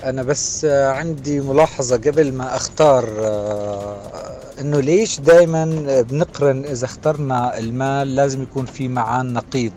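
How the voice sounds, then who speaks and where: A man talks casually in a voice message. His tone is mellow and of medium pitch, with slight background noise on the recording. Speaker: listener sending a voice message.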